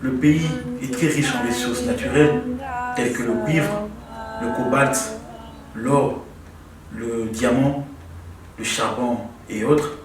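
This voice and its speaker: A man narrating a documentary in a measured way, listing facts. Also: medium pitch. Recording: roomy, distant, with music behind.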